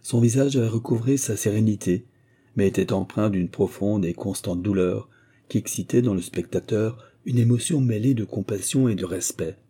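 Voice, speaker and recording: A man narrating a classic novel as an audiobook, reading in a measured, steady way. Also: lowish voice, breathy edge.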